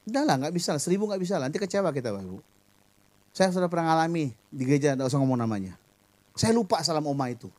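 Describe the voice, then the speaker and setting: Middle-aged male pastor, animated and humorous in the pulpit, voice pitched somewhat high. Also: fast. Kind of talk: sermon.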